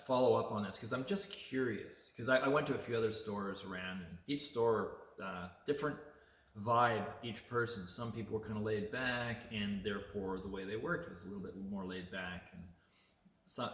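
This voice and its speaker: A man vlogging, telling a story in a chatty, animated way. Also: on the low side, echoey room. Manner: chatty, animated retelling with laughs. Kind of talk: casual storytelling.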